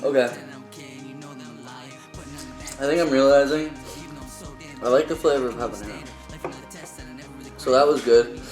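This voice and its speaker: A man's voice: mid-range voice, normal speed, darkish tone. A man talks casually in an echoey room with music playing behind him. His mouth is burning from spicy food as he works through a hot sauce challenge, keeping an informal, chatty way of speaking. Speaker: musician being interviewed.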